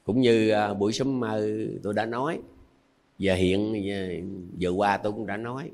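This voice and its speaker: A man's voice: on the low side, steady tone, moderate pace, a little mellow. A man in his eighties with a Southern Vietnamese accent, a Buddhist monk giving a folksy, repetitive dharma talk full of everyday examples. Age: 80s. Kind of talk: dharma talk to lay followers.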